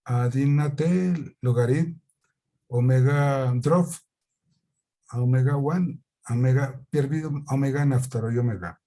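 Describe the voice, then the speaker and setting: A man with a foreign accent giving an academic presentation in a language that is not his native one, haltingly and searching for words. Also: mid-range voice, warm tone. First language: not Russian. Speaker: conference presenter.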